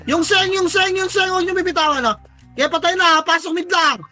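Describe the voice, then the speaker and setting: A player calling shots in live esports team comms, barking rapid callouts, counting down and cursing often. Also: very high-pitched, fairly even intonation, bright, forceful tone, faint music behind. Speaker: team shot-caller.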